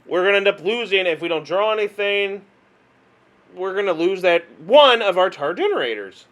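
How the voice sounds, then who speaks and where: Male card game host, high voice, casual exasperated play-by-play with self-deprecating laughs. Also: very animated, moderate pace, fairly bright tone, highs cut off. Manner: chatty, exasperated, self-mocking; hums and sighs, laughs at himself. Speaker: gaming video host.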